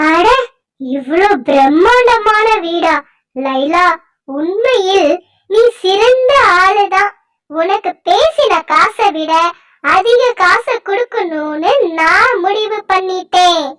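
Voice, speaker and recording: A woman's voice: very high-pitched, expressive, slow, fairly bright tone, full character voice. A woman voicing a stern, demanding male village landlord in a cartoon story. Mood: pleased. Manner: warning, commanding tone.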